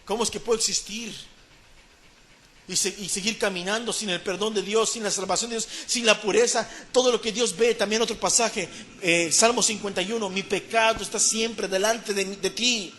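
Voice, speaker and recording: A man with a Mexican Spanish accent preaching a sermon, swinging between hushed pleading and loud, fervent repetition. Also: sits high, fairly even intonation, normal speed, a little hiss or hum.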